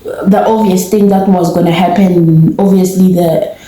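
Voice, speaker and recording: This is a young woman with a South African accent, chatting to her audience in a casual vlog. Her voice is mellow and her delivery measured. The sound carries a noticeable room echo. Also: fairly low pitch, fairly even intonation. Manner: earnest and grateful, talks to viewers directly. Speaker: vlogger. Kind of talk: casual vlog talk to camera. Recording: roomy echo.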